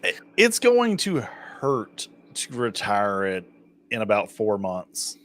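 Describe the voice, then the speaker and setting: A man's voice: on the low side, wildly swooping pitch, slow pace, a bit bright, slight background noise. A man hosting a casual stream chat, laid-back, swearing and laughing often.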